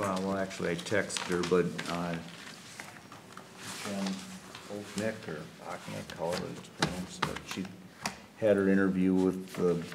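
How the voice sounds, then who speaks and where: Low-voiced male board manager, halting meeting report, faint hiss behind. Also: vocal fry. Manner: hesitant, rambling with fillers.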